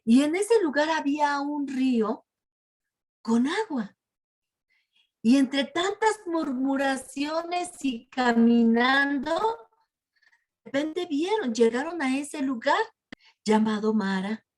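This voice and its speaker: Woman teaching children, lively melody, husky, breathy tone. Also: fairly high pitch. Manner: animated, addresses the children directly. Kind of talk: children's Bible storytelling.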